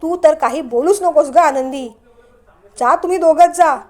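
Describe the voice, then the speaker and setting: A woman's voice: sits high, moderate pace, a little mellow, lightly acted. A woman voicing a playful young man who teases his brother and friend. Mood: teasing. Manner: teasing, mock-offended.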